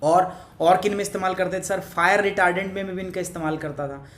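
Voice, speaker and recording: A male teacher with a high, fairly bright voice and fairly even intonation talks fast in a chatty live online class, teasing viewers by name. He has a cough, and the recording sounds echoey.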